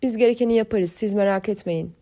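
A woman's voice: mid-range voice, quick pace, dark tone, close to an everyday voice. A woman voicing a matter-of-fact policeman at a border post in an audiobook story. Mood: brusque. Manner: dismissive, reassuring.

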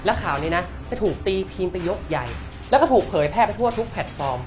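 A man's voice: high-pitched, expressive, fast. A smug male reporter lectures in a self-satisfied tone. Background music runs throughout this skit. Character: smug male reporter who twists the news.

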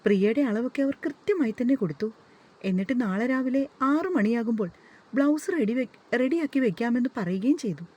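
Soft-voiced woman telling a story. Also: a little high. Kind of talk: scripted story narration with dialogue.

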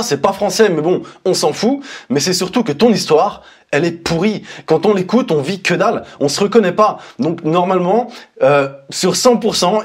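A man's voice: sits high, slightly rough. Sarcastic man roasting an ad. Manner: mocking, blunt, informal. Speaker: marketing commentator. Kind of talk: sarcastic ad critique. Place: indoor studio, dark backdrop. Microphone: lapel mic.

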